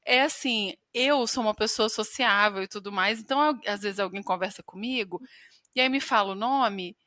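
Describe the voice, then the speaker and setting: A woman's voice: mid-range voice, moderate pace, pushed and bright, no room sound, studio quality. A woman hosting a podcast, chatting casually in a playful way and acting out funny quotes. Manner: playful, laughs and acts out quotes. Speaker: podcast host. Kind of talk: casual chat.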